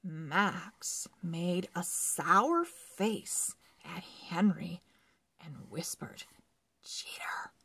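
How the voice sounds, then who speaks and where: A narrator for a children's read-along book reads a story very slowly and carefully, setting down each phrase word by word so early readers can follow, with animated emphasis. Her lowish voice is breathy and creaks a little at the edges, and there's no room sound in the recording.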